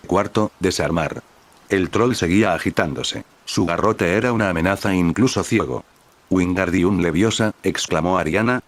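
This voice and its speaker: A man narrating a story in a steady, measured reading style. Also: sits low. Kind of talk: scripted fanfic narration.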